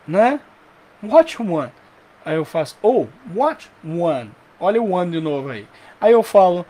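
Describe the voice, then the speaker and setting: A young Brazilian man teaching an English lesson, lively and repeating example phrases slowly. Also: fairly high pitch. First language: Portuguese.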